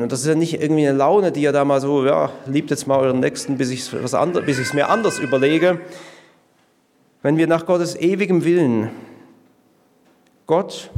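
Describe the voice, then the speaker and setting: A man preaching a sermon as pastor, earnest and measured, slowing down to stress key words. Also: a little high, darkish tone.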